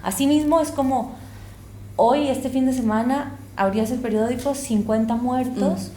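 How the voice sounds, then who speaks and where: A woman's voice: on the high side, moderate pace, warm tone, reverberant, a little hiss or hum. A woman from El Salvador and Colombia, a university lecturer, speaking earnestly and with passion as an interview guest. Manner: earnest, impassioned, reflective. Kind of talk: conversational interview.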